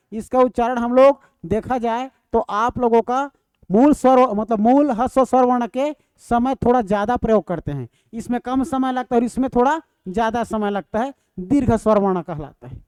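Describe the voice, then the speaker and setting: Smooth-voiced male teacher. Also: extremely high pitch, darkish tone, dry recording. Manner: repetitive, checks in with students. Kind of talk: classroom grammar lesson.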